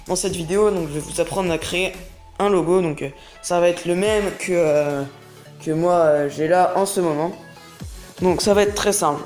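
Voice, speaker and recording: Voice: medium pitch, darkish tone. A young tutorial host talking through a phone app step by step in a casual, rambling way, full of hesitations. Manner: chatty, rambling, filled with hesitations. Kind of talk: casual screen-recording tutorial.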